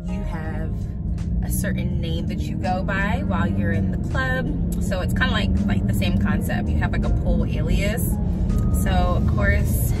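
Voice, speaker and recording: Chatty young woman vlogging from her car. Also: medium pitch. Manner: chatty and upbeat, addresses viewers as y'all and guys. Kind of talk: casual vlog talk to camera. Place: inside a parked car.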